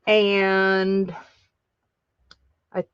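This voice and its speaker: A woman's voice: medium pitch, little pitch movement, drawn-out words, muffled recording, background noise. A woman hosting a live craft sale stream, chatting casually with viewers and laughing often.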